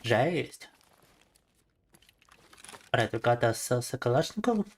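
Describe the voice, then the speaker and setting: A man's voice: medium pitch, big pitch swings, slow pace. A man and native Russian speaker chatting casually on a gaming livestream, laughing often and explaining things to viewers as he plays, into a desk microphone.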